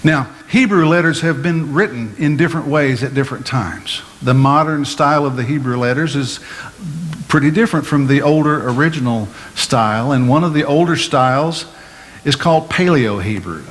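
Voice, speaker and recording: Man teaching a sermon in a reverberant hall. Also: a little high. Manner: measured, explanatory, with rhetorical questions. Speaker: pastor. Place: church sanctuary. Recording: long hall reverb, faint room noise.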